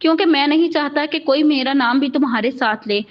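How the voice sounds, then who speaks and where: A woman's voice: sits high, fairly quick, close to an everyday voice. A woman voicing an arrogant, short-tempered young husband in a storybook reading, curt and scolding. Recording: dull lo-fi recording.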